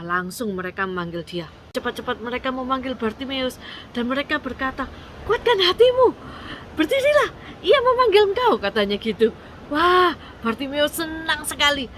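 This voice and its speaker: A young woman tells a Bible story to children in a lively, coaxing voice. Her tone is bright and forward. A faint hiss of noise sits under the recording. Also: medium pitch.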